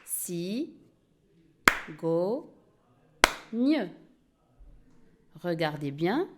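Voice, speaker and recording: Woman teacher doing a reading lesson, super slow, says every word twice, bit high and mellow. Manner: slow, clear, repeats words for pupils to echo. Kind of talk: early-reading lesson for young learners.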